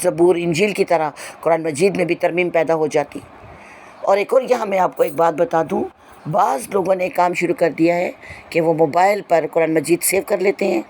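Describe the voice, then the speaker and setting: A woman's voice: on the low side, darkish tone, slight background noise. Earnest woman teacher lecturing students. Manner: earnest, repetitive, lecturing with rhetorical questions. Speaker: Urdu teacher. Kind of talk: explanatory lesson, addressing students.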